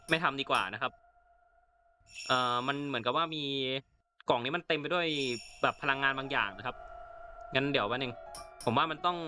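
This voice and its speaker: Bright-voiced man narrating a horror game. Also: mid-range voice. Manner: chatty reactions, reads in-game text aloud. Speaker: gaming channel host. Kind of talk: let's play commentary.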